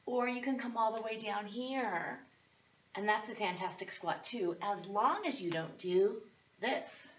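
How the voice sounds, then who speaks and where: A woman leading instructional workout talk as a fitness coach, chatty and encouraging, with a hoarse voice that is partly lost. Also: medium pitch, measured pace, a bit bright, recorded from a distance. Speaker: fitness instructor and program host. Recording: dull, lo-fi sound.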